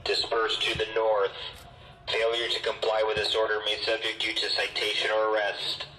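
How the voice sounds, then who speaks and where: A man, a police officer, giving firm, formal riot dispersal warnings blasted through a loudspeaker sound cannon, heard echoing outdoors. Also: lowish voice, completely flat delivery, noisy background. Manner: firm, measured, formal commands.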